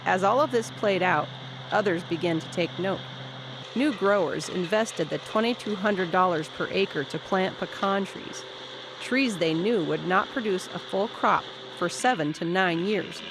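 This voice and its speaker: A reporter reading scripted news narration in a steady, measured way. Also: medium pitch, noisy background.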